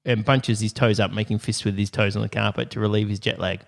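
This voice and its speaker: A man co-hosting a comedy podcast from an office, chatting quickly and laughing often. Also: fairly low pitch, little pitch movement, creaky. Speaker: podcast co-host. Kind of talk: casual comedic chat.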